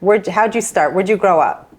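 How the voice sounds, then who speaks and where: A woman's voice: mid-range voice, expressive, normal speed. A woman hosting a podcast, welcoming her guest enthusiastically and asking about her story. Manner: enthusiastic, affirming. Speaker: podcast host. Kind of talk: casual interview chat.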